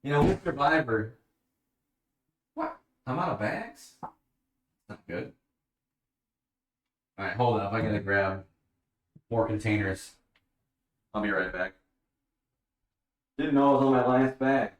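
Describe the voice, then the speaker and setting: A man's voice: mid-range voice, expressive, measured pace, long pauses, distant mic. A man chatting casually on a live stream, answering questions from his chat. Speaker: livestreamer. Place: at home, bathroom with a bathtub. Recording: echoey room, away from the mic.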